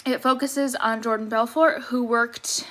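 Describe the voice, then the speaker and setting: A woman's voice: a little high, fairly even intonation, a little slow, fairly bright tone. A young adult woman chatting casually as a book vlogger, interrupting herself with apologetic asides, her speech slightly off after wisdom teeth removal. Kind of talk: casual chat to viewers. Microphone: tablet microphone.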